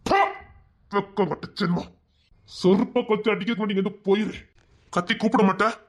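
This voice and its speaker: Man acting as a young village man, high-pitched, agitated, self-reproaching. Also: fairly even intonation, moderate pace, lightly acted. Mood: scolding. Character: young village man, ashamed, hot-tempered.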